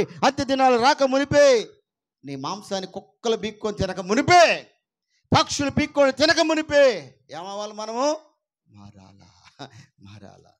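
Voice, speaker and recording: A high-pitched male pastor delivers an emphatic sermon at a church prayer meeting. He swings between ringing cries and low, intense asides, and his voice comes through a microphone and sound system.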